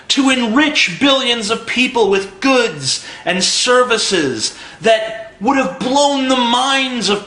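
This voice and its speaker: A man's voice: sits high, pushed and bright, echoey room. A man in his twenties delivering an angry, profane commentary rant full of sarcastic rhetorical questions. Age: 20s. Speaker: video blogger.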